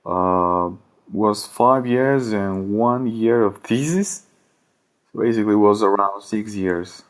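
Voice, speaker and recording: A man's voice: fairly low pitch, takes it slowly. A man in his thirties from Ecuador, speaking English with an Ecuadorian Spanish accent as a podcast guest, hesitant and full of fillers. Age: 30s. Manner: hesitant, many fillers, searching for words. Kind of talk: podcast interview.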